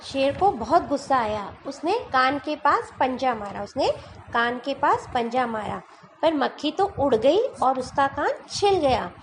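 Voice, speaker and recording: A woman's voice: high-pitched, big pitch swings, unhurried, slight background noise. A woman teacher telling a story to young children, repeating each line in simpler words. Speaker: schoolteacher.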